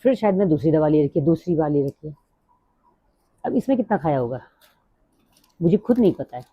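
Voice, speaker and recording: A middle-aged woman talking fast and rambling in a casual personal vlog. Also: low-pitched, very animated, husky, no room sound. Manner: rambling, drifts off topic. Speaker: vlogger. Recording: dry, tinny phone-like sound.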